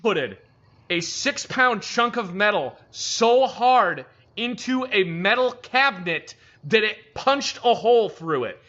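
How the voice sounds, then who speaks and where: A man with a slightly high, bright, forceful voice tells a rambling army story in a casual, profane way, acting out the people he quotes. The audio sounds dull and lo-fi, like a home stream. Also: lively intonation, takes it slowly. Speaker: army veteran telling stories.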